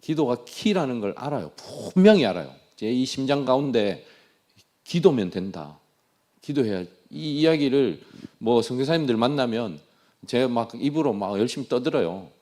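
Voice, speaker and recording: Gyeongsang-accented man preaching with lively pitch. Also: moderate pace. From Daegu, South Korea. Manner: earnest, self-deprecating, repeats phrases. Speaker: missionary. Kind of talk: sermon testimony.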